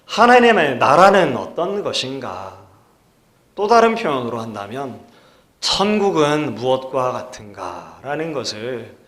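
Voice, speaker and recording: A male pastor preaching a sermon in a measured, earnest way, putting rhetorical questions to the congregation. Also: medium pitch, a bit bright. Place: church sanctuary. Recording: echoey church hall.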